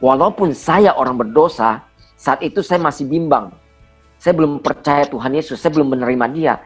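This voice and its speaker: A man's voice: fairly high pitch, moderate pace, husky, soft background music. A man around forty, a pastor, giving an earnest personal testimony in conversation, speaking emphatically with a slight stammer. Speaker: pastor, guest.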